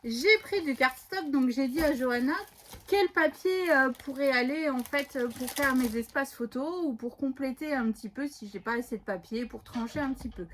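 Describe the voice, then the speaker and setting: A woman's voice: sits high, normal speed, slight background noise. A woman vlogger chatting casually from her home craft room, rambling and hesitating a lot as she shows off what she bought. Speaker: scrapbooking vlogger. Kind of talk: casual haul video chat.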